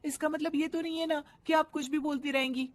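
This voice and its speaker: A woman's voice: sits high, steady tone, brisk, pitched above the performer's own voice, close to an everyday voice. A woman doing a sweet young cartoon daughter-in-law. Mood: defiant. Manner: sweet, pleading, giggly. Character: meek young daughter-in-law, giggly then defiant.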